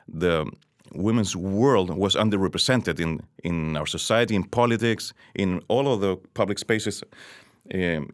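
A man's voice: low voice, dry recording, clean studio sound. A man from Chile in his forties, a guest on a podcast interview, talking earnestly with many fillers and restarts.

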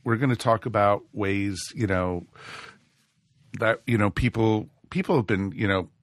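This podcast host speaks in a lowish voice at a slightly slow pace, captured in a dry recording. Hosting a casual live show with a bit of a cold-roughened scratchiness, he wanders along, full of fillers and false starts.

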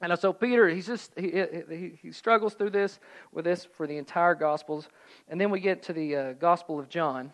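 A middle-aged man preaching a sermon, telling the story in a lively, joking way with asides, and reading scripture slower and softer. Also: on the high side, rough recording. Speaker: pastor.

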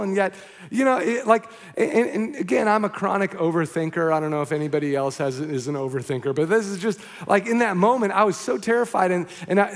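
A man preaching from a church stage, telling his story in an animated, rambling way and restarting his sentences often. His voice sits high for a man. The sound carries a long hall reverb. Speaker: pastor. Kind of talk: sermon.

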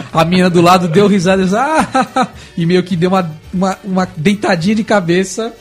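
A Brazilian man with a slightly raised pitch tells anecdotes in a casual podcast and laughs as he goes. Faint music plays behind him. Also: fairly even intonation, moderate pace, husky. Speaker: podcast co-host. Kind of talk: casual banter.

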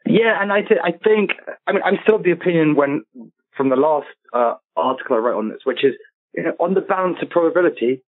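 A man who writes on the subject, chatting casually and quickly with filler words like "like" and "you know.". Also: on the high side, lively intonation. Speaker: co-host and writer. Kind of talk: casual podcast discussion. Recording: phone-like narrow sound.

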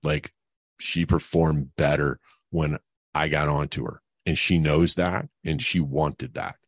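A man's voice: rumbling low, fairly even intonation, takes it slowly, no echo, clean studio sound. A middle-aged man, a guest on an interview podcast, telling personal stories in a conversational way with many fillers and restarts. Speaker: guest, financial advisor. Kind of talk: casual interview storytelling.

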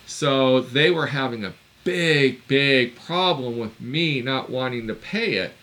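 A man's voice: medium pitch, slow pace, bright, forceful tone. A man in his fifties, a certified mechanic and podcast co-host, telling a long story in a blunt, exasperated way and swearing now and then. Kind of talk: casual podcast chat.

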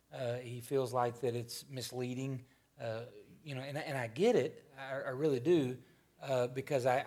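A man's voice: medium pitch, a little mellow. A man in his fifties leading a church panel discussion in a folksy, rambling way, often restarting his sentences. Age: 50s. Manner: rambling, self-correcting, folksy.

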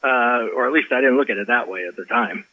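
Guy telling a story on an interview, mid pitch, kinda dull lo-fi sound. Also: fast talker, no echo. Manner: animated storyteller, acts out quotes, many restarts. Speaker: author and life coach, interview guest. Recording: slightly dull lo-fi audio.

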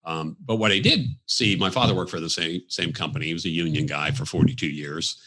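A man in his fifties speaks as a guest in an office interview, his voice very low yet bright and forward. He tells his stories in a reflective, easygoing way, with plenty of fillers and restarts. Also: fairly quick. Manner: reflective, storytelling, frequent fillers. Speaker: podcast guest, entrepreneur. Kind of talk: conversational interview.

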